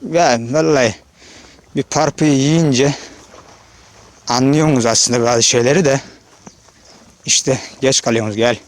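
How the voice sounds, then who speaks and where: A man's voice: mid-range voice, a little slow, long pauses. A man from Turkey, a shepherd, chatting casually to his viewers while out on an open pasture and filming with his own camera. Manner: chatty, addresses viewers directly, calls out to animals. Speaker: shepherd vlogger. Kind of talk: casual outdoor vlog narration. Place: open hillside pasture outdoors. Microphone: handheld or body-worn camera.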